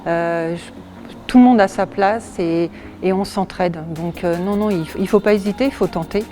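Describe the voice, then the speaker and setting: Woman, 40s, volunteer firefighter; sincere, unhurried testimony, soft music bed. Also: mid-range voice. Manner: plain, earnest, hesitant fillers. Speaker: volunteer firefighter and nursing assistant. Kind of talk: interview testimony.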